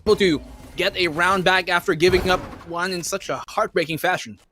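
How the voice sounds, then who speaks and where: Bright, high-pitched male esports caster. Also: steady tone, fairly quick, slight background noise. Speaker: esports commentator. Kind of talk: live esports play-by-play commentary.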